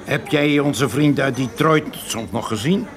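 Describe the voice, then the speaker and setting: In a radio play, an actor voices a man who uses loud, deliberately casual café small talk to slip covert messages across. His natural, mid-range voice sounds relaxed yet guarded, with busy café chatter filling the background.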